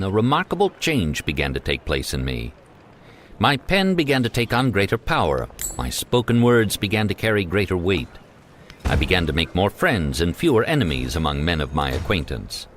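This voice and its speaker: A man narrating a self-help story in a measured, earnest way. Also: on the low side, huge pitch swings, slight background noise.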